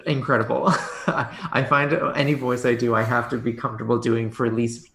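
A man with a gravelly, bright and tense voice chats about tabletop games in a loose, rambling way. He hedges and restarts often. His voice sounds echoey, as if recorded in a bare room. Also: mid-range voice, little pitch movement, brisk. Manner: rambling, hedging, full of restarts. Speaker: podcast guest, game master. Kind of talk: casual conversation.

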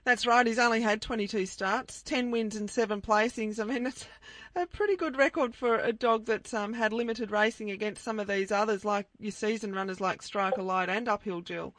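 An Australian woman presents sports radio as a co-host, asking questions and reading out racing form. Her pitch is average for a woman. The sound is dry, with no echo. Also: normal speed, fairly bright tone. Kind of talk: sports radio interview and tipping.

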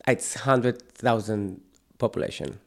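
A man from Catalonia with a Catalan Spanish accent, a native Catalan speaker, talking in halting English with many repeats as an interview guest. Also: mid-range voice, vocal fry, darkish tone. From Catalonia, Spain.

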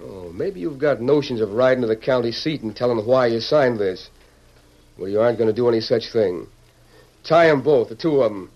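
Menacing western outlaw boss, muffled recording. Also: male voice, medium pitch, animated, fairly quick. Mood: gloating. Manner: taunting, bossy, folksy western drawling slang. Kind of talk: old-time radio western acting. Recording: dull, hissy old radio recording with clicks.

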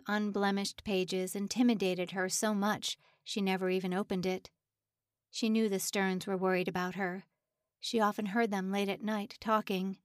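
A woman narrating an audiobook in a steady, measured storytelling voice. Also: medium pitch, dry recording, clean studio sound.

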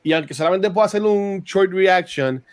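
Man, Puerto Rican accent, high voice, animated casual podcast chat, mixes English in. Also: normal speed. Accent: Puerto Rican Spanish. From Puerto Rico. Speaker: podcast co-host.

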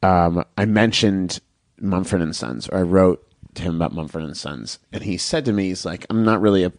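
A man's voice: low-pitched, vocal fry, darkish tone, no echo. Chatty man in casual podcast talk. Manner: chatty, laughs often, does quick mock voices. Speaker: podcast co-host. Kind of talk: casual chat.

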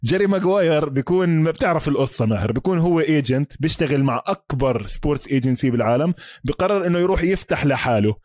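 A man's voice: fairly high pitch, animated, very fast, darkish tone, no echo, clean studio sound. A man with a Palestinian Arabic accent chatting casually about sports as a podcast host, emphatic and repeating himself, mixing in English terms.

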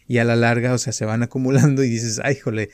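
A man's voice: medium pitch, little pitch movement, quick pace, dry recording. A man in a casual conversation, reflecting thoughtfully and building on the other speaker's points with many fillers.

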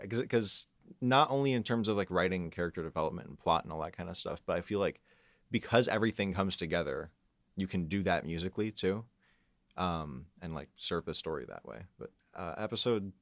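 In a casual behind-the-scenes interview, a low-voiced man who works as a composer and audio engineer speaks as the guest. He hesitates and restarts as he thinks out loud, and the recording has no room sound.

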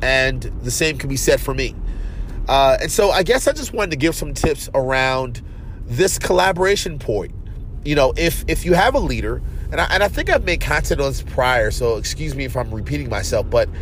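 A man's voice: medium pitch, a little hiss or hum. Guy with a stuffy nasal voice, casual vlog advice, keeps repeating himself. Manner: earnest, repeats and restarts phrases. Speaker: business executive vlogger. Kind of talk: casual direct-to-camera advice.

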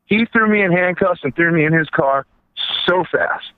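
A man's voice: high-pitched, moderate pace, dry recording. Rambling male caller on a tinny phone line. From South Shore, Massachusetts. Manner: rambling, blunt storyteller with curse slips. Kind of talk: telling a story on a phone call.

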